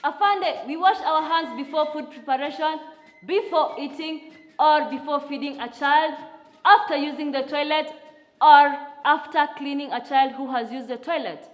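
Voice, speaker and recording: A woman's voice: high voice, close to an everyday voice. A woman playing a dutiful recruit. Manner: quick recited answer. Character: diligent female army recruit. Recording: roomy echo with long reverb.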